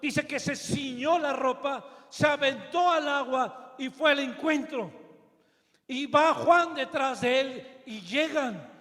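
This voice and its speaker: A man with a Mexican Spanish accent preaching a sermon as pastor, telling the story dramatically, rising to shouts and sinking to soft tones. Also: very high-pitched, slow pace. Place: church. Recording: long church hall reverb.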